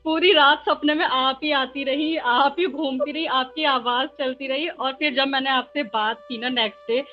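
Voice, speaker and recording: A woman's voice: high voice, steady tone, moderate pace, highs cut off, faint music behind. A woman tarot student talking casually about her experience, hesitating often with fillers. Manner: talkative, hesitant with many fillers. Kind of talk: casual testimonial chat.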